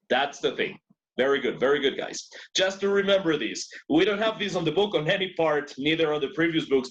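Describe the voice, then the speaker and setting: A man's voice: on the high side, a bit bright. A man teaching an English class in two languages, who repeats words and keeps praising his students. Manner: switches between two languages to explain.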